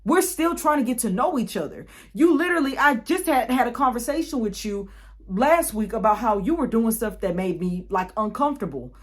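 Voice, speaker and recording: A young woman, telling a storytime vlog in a chatty, animated way, often repeating and restarting. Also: on the high side, fairly quick. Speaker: YouTuber.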